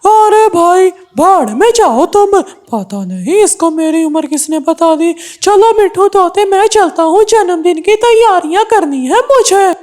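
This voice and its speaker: A woman's voice: extremely high pitch, lively intonation, measured pace, few pauses, darkish tone. A woman voicing a boastful, hot-tempered aging male crow in a cartoon, insisting he is still young. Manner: boastful, defensive. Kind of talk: cartoon voice acting.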